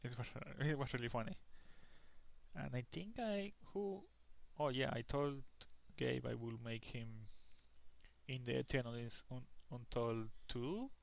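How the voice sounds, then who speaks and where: A man's voice: mid-range voice, unhurried, vocal fry. A young man giving casual gameplay commentary, rambling and tired, with lots of restarts and the odd curse word. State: tired, yawning. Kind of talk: casual let's play commentary.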